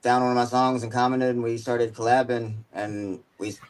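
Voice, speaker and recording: A man's voice: mid-range voice, level tone, moderate pace, clean tone, low-quality recording. A man in his mid-twenties talking about his music as a guest, rambling and slangy with lots of filler words. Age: 20s. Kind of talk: casual chat.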